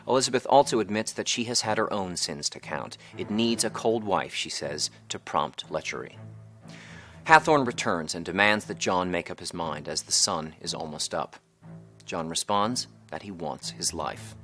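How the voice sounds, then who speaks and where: A man reading a scripted plot summary in a measured, evenly paced way, with faint music behind. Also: low-pitched, sharp tone. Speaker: narrator. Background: faint background music.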